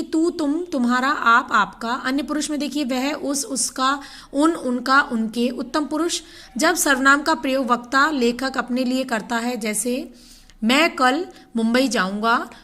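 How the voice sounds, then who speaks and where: A woman teaching a grammar lesson to children, explaining slowly, addressing them directly and reading example sentences aloud. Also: high-pitched, sharp tone.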